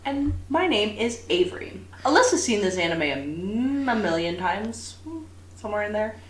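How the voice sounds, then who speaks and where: A woman's voice: mid-range voice, sing-song, moderate pace. A woman co-hosting a podcast in casual, gushing chat, her voice sounding tinny, like talking through a tin can. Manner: gushing, chatty, laughs easily. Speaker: podcast co-host. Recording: tinny, echoey home recording with faint hiss.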